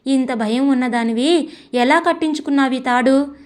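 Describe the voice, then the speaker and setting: A proud wife with a cutting, accusing tongue, speaking in a high voice, voiced by a woman. She delivers each line with pointed force in an audio story. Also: moderate pace, close to an everyday voice. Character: angry proud wife confronting her husband. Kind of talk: audiobook character voice.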